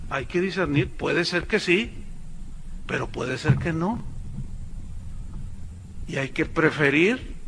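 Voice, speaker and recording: A man with a Mexican Spanish accent preaching a sermon as pastor, telling stories with lively mocking impressions of others. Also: high-pitched, slight background noise. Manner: animated storytelling with mocking impressions.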